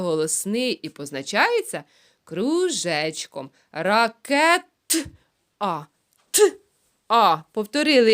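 A woman teaching a phonics lesson to young children, sounding out words slowly syllable by syllable. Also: on the high side. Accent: Ukrainian. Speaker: preschool teacher.

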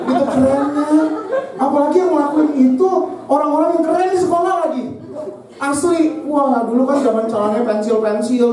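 A man preaching a lively youth sermon, joking and acting out examples with sound effects. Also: extremely high pitch. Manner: playful, jokey, acts out examples with sound effects. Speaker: youth pastor. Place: church hall. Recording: echoey hall from far off.

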